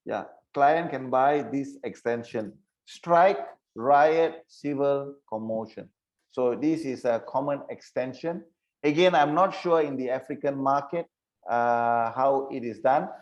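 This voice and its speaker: A man's voice: medium pitch, takes it slowly, muffled recording. A man teaching an online insurance training session, repeating key points and checking that listeners follow.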